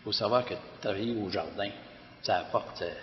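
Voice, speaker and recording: A man with a deep Québécois voice tells an audience about his community garden. His talk is halting, full of "euh" and restarts. The sound is a dull lo-fi recording with a long echo from the hall. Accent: Québécois French. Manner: hesitant, many fillers and restarts. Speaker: director of a community garden organization. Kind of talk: public testimony talk.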